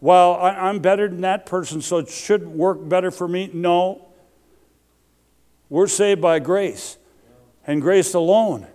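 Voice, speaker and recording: Man in his sixties, high voice, lively preaching, rhythmic repeated phrases, questions to the crowd. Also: slow, long pauses. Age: 60s. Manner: animated, calls out questions to the congregation; repetitive, rhythmic listing. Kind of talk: sermon.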